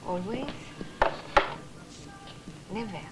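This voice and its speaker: An actress playing a flirtatious, teasing singer who talks coyly. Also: female voice, medium pitch, very slow. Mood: flirty. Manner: coquettish, teasing. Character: flirtatious singer, coy and playful. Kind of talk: film acting. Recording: film soundtrack with music.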